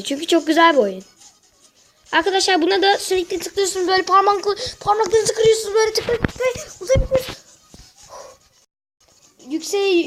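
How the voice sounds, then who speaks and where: Very high-voiced chatty woman gamer. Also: a bit bright, poor audio. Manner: chatty, keeps addressing viewers as friends. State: sore throat. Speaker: gaming channel host. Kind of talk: casual gameplay walkthrough. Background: faint game music.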